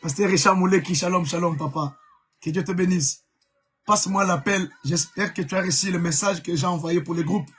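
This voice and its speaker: A man's voice: high-pitched, brisk, fairly bright tone. A man from Congo preaching a live-streamed sermon as an evangelist, emphatic, repeating key words, with many fillers.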